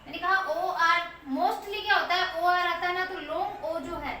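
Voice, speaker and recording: A woman teaching English pronunciation, slowly repeating and drawing out the example words. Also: extremely high pitch, steady tone, bright, forceful tone, a little hiss or hum. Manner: slow, drawn-out repetition of example words. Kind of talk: pronunciation lesson. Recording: echoey room, mic at a distance.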